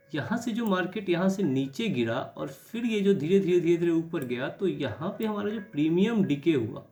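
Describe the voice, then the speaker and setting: Male trading teacher, hoarse and throat-clearing, slightly raised pitch, soft music bed. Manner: reflective, repeats key words. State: sore throat. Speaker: stock market trading educator. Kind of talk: chart analysis lesson.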